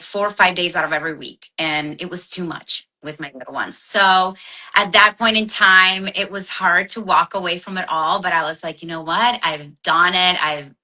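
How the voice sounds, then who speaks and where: A woman from the Dominican Republic in her forties, a guest entrepreneur chatting casually on a video call and telling her story with lively quoted asides. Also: fairly low pitch, poor audio. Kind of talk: casual interview chat.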